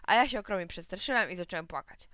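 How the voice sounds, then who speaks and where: Bright crisp woman reading a storybook. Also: lowish voice, animated, quick pace, no echo, studio quality. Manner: narrates as a young boy in first person. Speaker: reader of a children's story.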